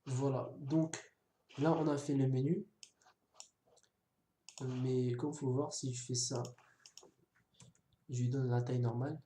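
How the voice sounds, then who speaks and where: Taking it slowly with frequent pauses, a man narrates a screen-recorded coding tutorial in a warm, mid-range voice that barely moves in pitch. A little hiss or hum sits under the keyboard typing and mouse clicks. His delivery is casual and hesitant, full of fillers and restarts, with occasional self-deprecating jokes.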